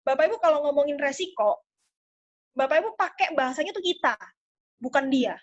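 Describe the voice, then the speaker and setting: High-voiced woman coaching a webinar. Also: fast, muffled recording. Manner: lively, demonstrative, addresses audience often. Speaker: sales trainer.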